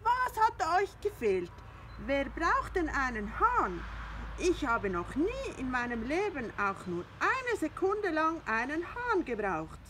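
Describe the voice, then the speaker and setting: A woman voicing a grumpy, jealous little male cat who talks in a sulky, whiny, loud way, reading a storybook aloud. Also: high-pitched, wildly swooping pitch, slow pace, noisy background, pitched above the performer's own voice, heavily acted.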